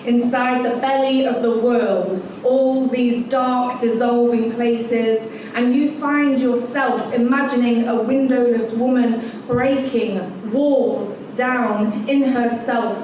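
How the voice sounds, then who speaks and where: A woman performing a live poetry reading at a bar event, with an expressive, dramatic delivery. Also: on the high side, slow, hardly any pauses. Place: bar event space, indoors. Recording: echoey room from far off, noisy ambience.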